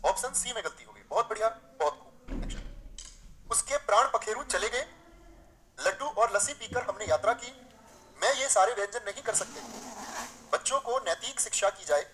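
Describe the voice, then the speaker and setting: A man teaching a live online grammar class. He keeps asking his students rhetorical questions, reads example sentences aloud slowly before correcting them, and calls the students dear friends. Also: high-pitched, expressive, sharp tone, a little hiss or hum, poor audio.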